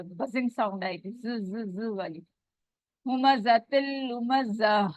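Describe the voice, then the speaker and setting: Slow patient woman teaching recitation. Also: a little high, dry recording. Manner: patient, explains rules step by step; drawn-out recitation of Arabic words. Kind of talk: online tajweed lesson. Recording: dull dry lo-fi recording.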